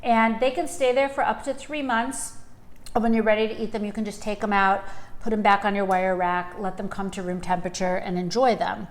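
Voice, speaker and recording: Woman, cooking show co-host, baking tips, chatty and enthusiastic, middle pitch. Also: steady tone, fairly quick. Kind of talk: cooking demonstration.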